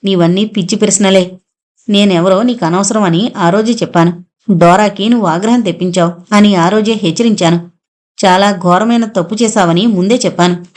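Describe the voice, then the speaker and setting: A woman's voice: medium pitch, fairly even intonation, moderate pace, darkish tone, natural voice. A woman narrator voices a mocking sorceress in a horror audiobook. She taunts with cryptic warnings, sure of her hidden power. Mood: taunting.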